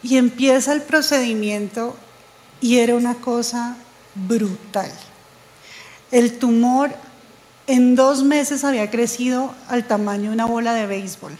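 A woman preaching a sermon, telling a personal testimony in an animated way. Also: on the high side, a little slow, in a large hall, rough recording. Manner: animated storytelling, quoting others, laughing at herself.

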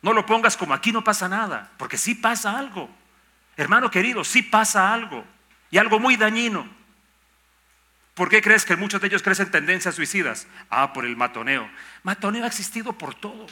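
A man's voice: high-pitched, animated, moderate pace, pushed and bright. An older man, a pastor preaching a sermon emphatically, with rhetorical questions and mock objections.

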